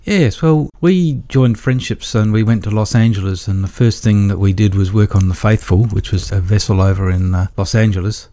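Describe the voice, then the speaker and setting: A man's voice: fairly low pitch, moderate pace, hardly any pauses, dark tone. A man, middle-aged, telling stories in a rambling way with restarts, as a guest in an interview. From Australia. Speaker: guest, electrician. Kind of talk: storytelling interview.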